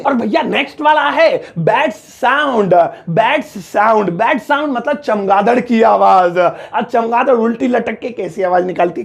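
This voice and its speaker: Jokey guy teaching english, high pitched and kinda gravelly. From India. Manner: jokey, animated, mimics animal sounds. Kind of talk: playful spoken lesson.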